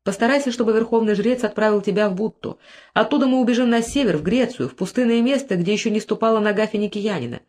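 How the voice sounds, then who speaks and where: A reader voicing a young Greek man who is jealous and furious, shouting threats in an audiobook. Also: medium pitch, fast, pitched above the performer's own voice, close to an everyday voice. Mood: urgent. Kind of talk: audiobook character voice.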